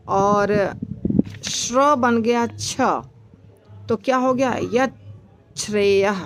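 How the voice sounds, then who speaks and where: A woman teaches verse recitation at a very unhurried pace. She breaks words into syllables and says them again and again, patient, with small fillers and restarts as she explains. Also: a little high. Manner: patient, with frequent fillers and self-corrections. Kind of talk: slow explanatory lesson.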